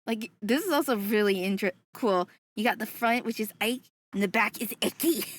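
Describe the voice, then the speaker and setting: A young woman streaming casually, excitable, often gasping and laughing, and swearing freely. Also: mid-range voice, moderate pace.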